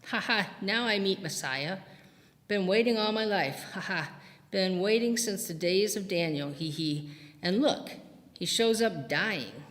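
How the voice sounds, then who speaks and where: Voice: medium pitch, measured pace, fairly bright tone, natural voice. A church reader voicing a scornful male criminal who hisses and laughs in mockery, with long church reverb. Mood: mocking. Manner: hissing, mocking laughter.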